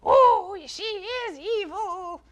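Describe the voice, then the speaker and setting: Doom, a shrill little imp. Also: male voice, very slow, full character voice. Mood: gleeful. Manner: screechy, excitable, shouty. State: straining his voice. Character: shrill, bratty little male imp sidekick. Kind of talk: comic product skit.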